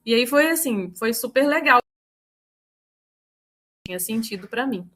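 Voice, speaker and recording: Uma mulher com sotaque mineiro que conta casos do trabalho numa chamada de vídeo, imitando as falas dos outros com animação. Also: female voice, a little high, a little slow. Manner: animated, quotes herself and others. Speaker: book club participant. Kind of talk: casual storytelling in a video call. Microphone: video call.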